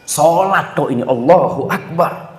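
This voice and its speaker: A man preaching a sermon, telling stories with lively acted-out voices. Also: fairly high pitch, unhurried. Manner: animated storytelling, acting out mother and child. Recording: echoey hall with long reverb.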